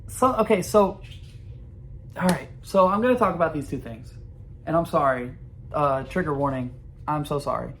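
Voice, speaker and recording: A man in his twenties hosting a podcast, talking in a rambling, profane, excitable way in casual sports chat. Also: fairly high pitch, moderate pace, pauses often, slight background noise. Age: 20s. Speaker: podcast host.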